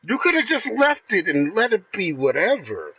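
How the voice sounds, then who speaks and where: Mocking, argumentative man with a lively voice. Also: sits high, moderate pace, breathy edge. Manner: mocking, argumentative, swears freely. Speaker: gaming streamer. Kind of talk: heated casual banter with an online friend.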